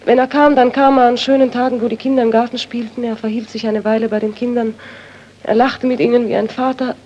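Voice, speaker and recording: An actress playing a grieving widow tormented by guilt, earnest and sorrowful, in 1930s radio-drama acting. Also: female voice, fairly high pitch, flat delivery, quick pace, darkish tone, highs cut off, slight background noise, lightly acted. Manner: earnest, sorrowful, turns to anguished pleading. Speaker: doctor's friend's widow.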